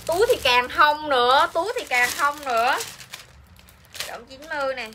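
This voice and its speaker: A woman with a Southern Vietnamese accent, high-pitched, bright, and forceful at a normal pace, hawks clothes in a livestream sales chat. She repeats every line to win over viewers, and a little background noise comes through.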